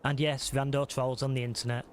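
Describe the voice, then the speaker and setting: A man's voice: mid-range voice, little pitch movement, a little fast, slight background noise. A man chatting casually through a live gameplay stream, self-deprecating and talking to his viewers.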